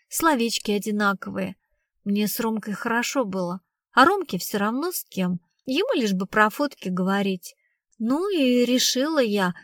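Brash streetwise girl talking slang, woman reading it, kinda high, dry close sound. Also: a bit bright, no room sound. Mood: flat. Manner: slangy, blunt storytelling. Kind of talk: audiobook reading.

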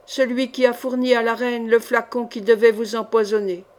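A woman reading the part of a sinister male poisoner in an audiobook, cold and boastful, in her own slightly high voice. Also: steady tone, moderate pace, close to an everyday voice.

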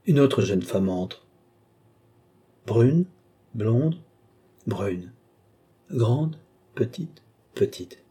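A man voicing a young woman under a trance who tenderly and slowly describes her visions in a storybook reading. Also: medium pitch, lively intonation, mellow, husky, full character voice. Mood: dreamy entranced. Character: young woman, entranced clairvoyant, tender and devoted.

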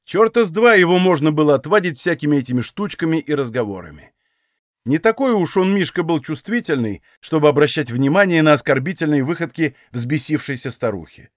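A man narrates a novel aloud in a measured, expressive way. His voice sits high for a man and moves through a lively range of tone. It is recorded close and dry. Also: dry recording. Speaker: audiobook reader. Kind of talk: literary audiobook narration.

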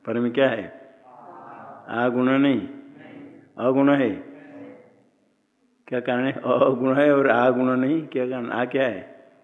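A man's voice: mid-range voice, fairly even intonation, phone-quality sound. A man teaching a Sanskrit grammar class, who keeps quizzing his students with questions. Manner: quizzing students, slow and deliberate. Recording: long hall reverb.

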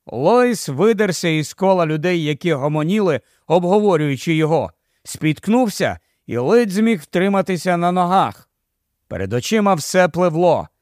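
A man narrating an audiobook in a slow, expressive storytelling manner. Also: high voice, dry recording. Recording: dry close studio sound.

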